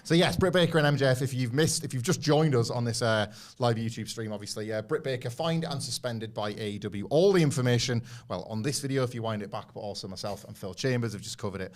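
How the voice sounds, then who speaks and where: Male host, very quick talker, mid-range voice, casual live-stream chat. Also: mid-range voice. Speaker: host of a wrestling show.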